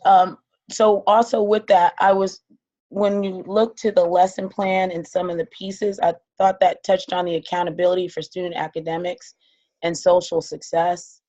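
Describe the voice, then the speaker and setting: A woman's voice: lowish voice, flat delivery, normal speed, dark tone, highs cut off. A woman student who is losing her voice a little, speaking hesitantly with many ums in a class discussion of a case study. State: losing her voice, slightly hoarse. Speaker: student in a leadership course.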